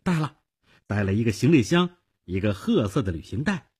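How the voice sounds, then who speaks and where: A man with a husky voice voicing an arrogant, long-haired young male ticket clerk in a radio story reading. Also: medium pitch, very animated, moderate pace, darkish tone. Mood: eager. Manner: cocky, then stammering when frightened.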